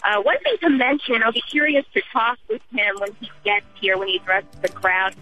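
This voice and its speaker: A woman's voice: on the high side, brisk, pushed and bright, faint music behind. A woman reporting live and unscripted from an election event, speaking hesitantly with many filler phrases over a remote line. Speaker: radio political reporter. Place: campaign headquarters event. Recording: muffled noisy radio remote line.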